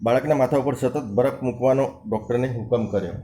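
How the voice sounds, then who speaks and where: A man's voice: mid-range voice, a little fast, dark tone. A male teacher reading a textbook story aloud, stopping after each passage to restate it and explain the harder words, and acting out the dialogue lines. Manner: reads a passage, then restates and glosses words; acts out dialogue lines in a shifted voice.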